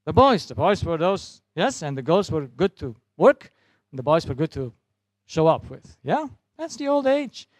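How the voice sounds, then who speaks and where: A man's voice: a little high, very animated, normal speed, a little mellow, dry recording. A man speaking English as a non-native with German as his first language, giving a sermon-style talk and telling a story as a doctor, with some broken grammar.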